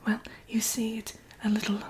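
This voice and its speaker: A woman voicing a prim, fussy witch villainess in a breathy, hesitant ASMR whisper, chatting and gently scolding up close. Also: on the high side, monotone, normal speed. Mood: advising. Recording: audible background noise.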